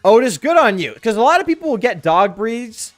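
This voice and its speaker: A man's voice: very high-pitched, big pitch swings, a little fast. A man talking casually like a frat bro while livestreaming a game, on a close microphone. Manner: frat-bro talk full of bro and dude. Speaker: game streamer. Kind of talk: casual livestream chat over gameplay. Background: music.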